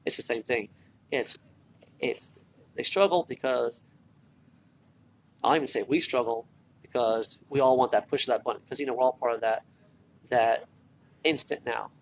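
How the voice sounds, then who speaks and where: A man's voice: medium pitch, normal speed, creaky, pauses often. A tired man talking casually and earnestly in a motivational vlog, repeating himself for emphasis, recorded in a hospital corridor. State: tired from little sleep. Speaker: online marketer and former military recruiter. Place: hospital, such as a corridor or waiting area. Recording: background noise in a hospital. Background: faint hospital ambience.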